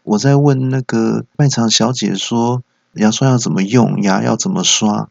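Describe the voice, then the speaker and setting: A man's voice: lowish voice, steady tone, normal speed, vocal fry, darkish tone, dry recording, highs cut off. A man playing a flustered husband of about fifty who stammers out excuses.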